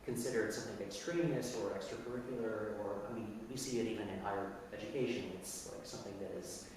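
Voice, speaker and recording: A man from San Francisco answers interview questions in a casual, reflective way, often restarting as he gropes for the right phrase. His somewhat low voice sits back from the microphone on a video call. The room rings with heavy echo and faint hiss. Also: fast, darkish tone. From San Francisco, USA. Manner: reflective, searching for words with frequent restarts. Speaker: musician, interview guest. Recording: echoey room, far from mic, faint hiss.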